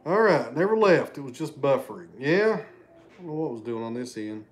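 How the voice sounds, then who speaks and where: A man with a sing-song, medium-pitched voice speaks at normal speed while hosting a casual livestream indoors in his living room. He reads super chats, chats with his viewers, thanks them by name, and sometimes loses his train of thought.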